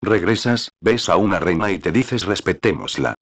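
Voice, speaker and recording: Male reader voicing old aristocrat father, scheming and scornful, deep low voice. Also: moderate pace. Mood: coaxing. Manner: scolding, mocking.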